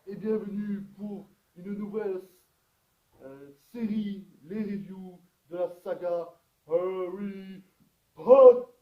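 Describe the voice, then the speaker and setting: A man's voice: high-pitched, fairly even intonation, takes it slowly. Rambling man in an echoey room. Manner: rambling, hesitant, with sudden loud outbursts. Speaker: YouTube film reviewer. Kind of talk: comedic casual film review. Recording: echoey room, dull lo-fi sound.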